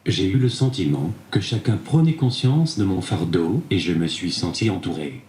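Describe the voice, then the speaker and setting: A man's voice: low voice, expressive, moderate pace, darkish tone. A man's synthetic text-to-speech voice reading prepared interview answers. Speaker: interview guest. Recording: echoey room sound with faint noise.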